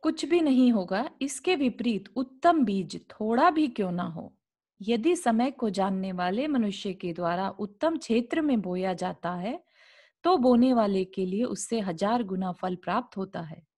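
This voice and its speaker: A woman's voice: mid-range voice, lively intonation, unhurried, darkish tone. A woman teaching a scripture class over a video call. She reads an old religious text aloud, then explains it in simple words and asks the class rhetorical questions.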